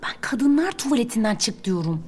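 An actress playing a weary, irritable older sister who talks in a brusque, exasperated way. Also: female voice, on the high side, big pitch swings, brisk, background noise. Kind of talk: audio drama acting.

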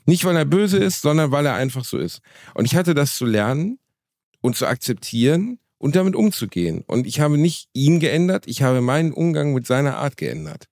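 A man co-hosting a podcast from home, talking calmly and reflectively in casual chat. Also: a little high, normal speed, dry recording, studio quality. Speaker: podcast co-host. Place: at home with his dog.

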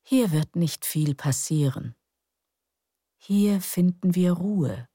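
A woman narrating sleep stories for adults in a hushed, calm, soothing, breathy and creaky voice, often close to a whisper. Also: fairly low pitch, takes it slowly, no room sound. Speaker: sleep story narrator and podcast host. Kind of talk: soothing scripted bedtime story narration.

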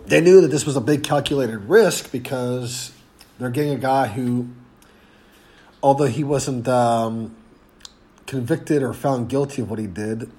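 A man hosting a casual sports podcast, congested and hoarse, rambling and halting with fillers. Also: medium pitch, a little mellow. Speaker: podcast host.

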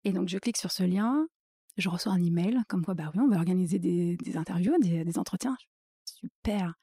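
A woman's voice: lowish voice, brisk, warm tone, breathy edge, dry recording, clean studio sound. A woman guest in a casual interview, telling her career story with many fillers and acting out her own inner thoughts.

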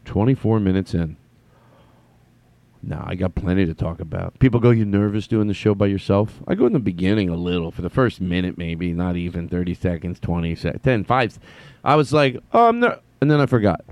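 Jumping from thought to thought and correcting himself along the way, the solo comedy podcast host speaks a little fast in an animated voice that sits low and is slightly mellow. There's no room sound, since he's on a studio mic with headphones on.

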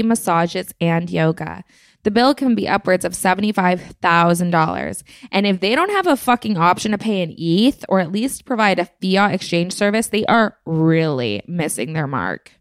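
A woman's voice: fairly low pitch, no echo, studio quality. Wry woman hosting a comedic news podcast. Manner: wry, playful delivery with sarcastic asides. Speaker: podcast host. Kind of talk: scripted comedic news commentary.

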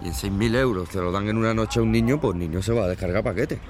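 A man's voice: on the low side, fast, over music. A man from Spain explaining something casually in an interview, checking in with the listener. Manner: explains with figures, keeps asking "¿sabes?".

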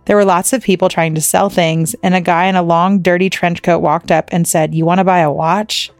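A woman's voice: lowish voice, fairly even intonation, fairly quick, no echo, soft background music. A woman co-hosting a podcast, telling stories in casual chat with lots of "like" and free swearing. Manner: chatty storyteller, swears freely, lots of "like". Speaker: podcast co-host.

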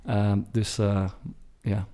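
A man's voice: fairly low pitch, little pitch movement, slow, warm tone, smooth. A man, hosting a casual podcast, steering the talk with hesitant fillers. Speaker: podcast host. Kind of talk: casual chat.

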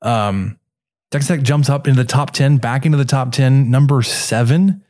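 A man co-hosting a sports podcast, going through stats casually with halting pauses. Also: mid-range voice, darkish tone.

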